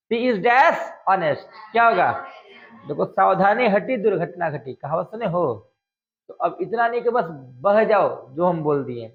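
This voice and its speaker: Guy teaching english grammar, keeps asking the class questions, high voice, kinda muffled sound. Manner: quizzes students with constant questions; drawls out example sentences slowly.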